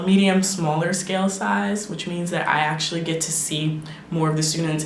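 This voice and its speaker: Chatty young woman vlogging in an echoey room. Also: sits low. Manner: chatty, many fillers, laughs often. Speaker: English teacher and vlogger. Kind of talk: casual talking-head vlog. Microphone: camera microphone. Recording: echoey room with faint noise.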